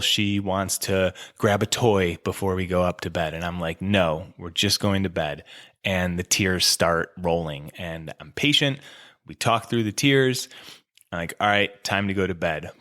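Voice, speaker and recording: A man's voice: sits low, bright, forceful tone, no room sound, clean studio sound. A man in his thirties hosting a podcast as a coach, talking in a candid, reflective, conversational way. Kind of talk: casual solo podcast talk.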